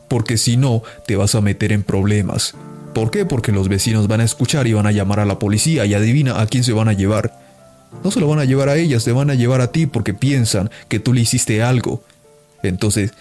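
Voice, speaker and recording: A man's voice: mid-range voice, a little mellow. A man hosting a podcast, talking in a casual, preachy monologue straight at his listeners. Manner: preachy, addresses listeners directly. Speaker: podcast host.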